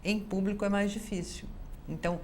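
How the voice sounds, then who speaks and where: Her medium-pitched voice moves a little fast against slight background noise. She's a psychologist host with a Brazilian Portuguese accent, speaking straight to viewers and livening things up by performing the quoted dialogue.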